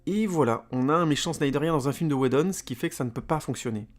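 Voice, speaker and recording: A man's voice: fairly high pitch, fast talker, soft background music. A man giving a casual spoken film review as a podcaster, rambling with many fillers and repeated words.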